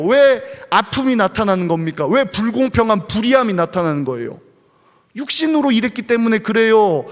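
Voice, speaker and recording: A man preaching a sermon to a youth congregation, firing emphatic rhetorical questions and dropping into quieter asides. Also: sits high. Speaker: pastor. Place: church sanctuary. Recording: long church hall reverb.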